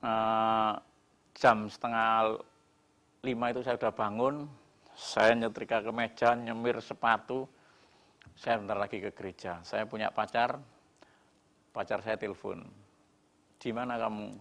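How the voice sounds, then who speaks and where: A middle-aged man giving an earnest, confessional church testimony in a plain conversational voice that often drops soft. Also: on the low side, level tone, measured pace, long pauses. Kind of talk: emotional personal testimony.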